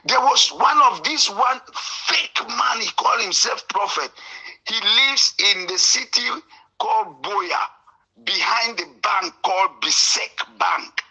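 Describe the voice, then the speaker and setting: A man's voice: high-pitched, expressive, takes it slowly, husky, low-quality recording. Impassioned Cameroonian man calling in. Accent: Cameroonian English. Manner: impassioned, indignant, outbursts into shouting. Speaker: caller. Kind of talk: call-in radio talk.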